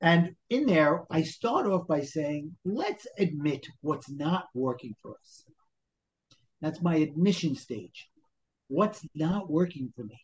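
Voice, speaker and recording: A man's voice: on the high side, big pitch swings, takes it slowly, a little hiss or hum, rough recording. A man with a Brooklyn accent explaining things as a life coach in an interview, motivational, posing questions and voicing people's self-talk. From Brooklyn, New York. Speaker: life coach, podcast guest.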